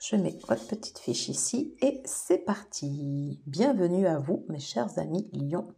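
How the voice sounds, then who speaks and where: A woman giving a casual tarot reading to her viewers, soft-spoken and peppered with fillers like "voilà" and "alors". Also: fairly low pitch, lively intonation, unhurried, creaky. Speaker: tarot reader.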